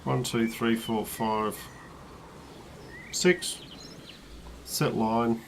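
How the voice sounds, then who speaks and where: An Australian man thinking aloud as he plays a strategy game, counting quietly under his breath, his voice worn and starting to go. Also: mid-range voice, steady tone, a little slow, slight background noise. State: losing his voice. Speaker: let's play host. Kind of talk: casual gameplay commentary.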